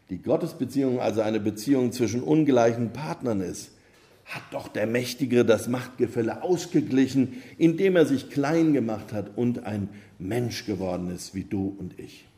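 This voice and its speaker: A man preaching a sermon, telling a parable in a calm, measured way. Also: medium pitch. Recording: roomy echo.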